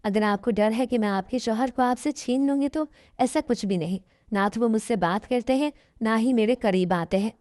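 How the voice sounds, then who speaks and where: A woman voicing a helpless young second wife who speaks softly and pleads. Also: on the high side, normal speed, hardly any pauses, no echo, clean studio sound, natural voice. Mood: pleading. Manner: soft, pleading.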